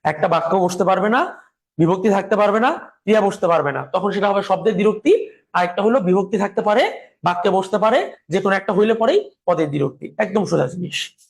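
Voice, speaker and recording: A man teaching a grammar lecture slowly and patiently, repeating his examples while speaking through a sore throat. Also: high-pitched, expressive, gravelly.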